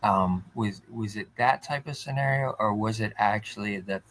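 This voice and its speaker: A man hosting a podcast interview over a video call, asking long, halting questions. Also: fairly low pitch, a bit bright, a little hiss or hum, low-quality recording. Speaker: podcast host. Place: decorated home studio, indoors.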